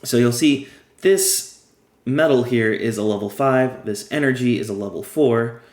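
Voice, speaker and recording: A man's voice: mid-range voice, unhurried, darkish tone, roomy sound. A man who is losing his voice, chatting casually as he plays and explains a card game step by step. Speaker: game guide creator. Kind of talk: casual gameplay tutorial.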